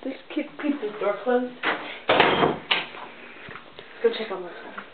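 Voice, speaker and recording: A woman chatting with a friend in a bedroom, playful and quick to protest. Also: fairly high pitch. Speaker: friend on the vlog. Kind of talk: casual chat with a friend. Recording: lo-fi webcam audio, heavy hiss.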